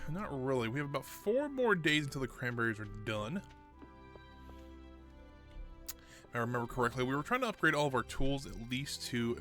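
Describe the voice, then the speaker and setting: A man's voice: medium pitch, bright, forceful tone. A man casually chatting with his viewers while he plays a game, correcting himself as he goes. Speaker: streamer.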